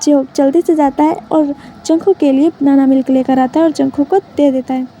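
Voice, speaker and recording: A woman narrating a fan-fiction story in a plain, steady storytelling manner. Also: high voice, normal speed, a little hiss or hum.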